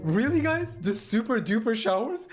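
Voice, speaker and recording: A woman's voice: a little high, big pitch swings, moderate pace, faint music behind. A woman narrating a commentary video in a sarcastic, self-described overdramatic way. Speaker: commentary YouTuber.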